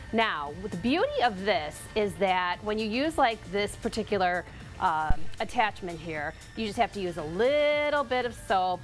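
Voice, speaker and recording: A woman hosts a television lifestyle show and talks viewers through products. Her voice sits at an ordinary female pitch, and she uses conversational sales patter with little check-in tags. Music plays under her talk. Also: fairly bright tone.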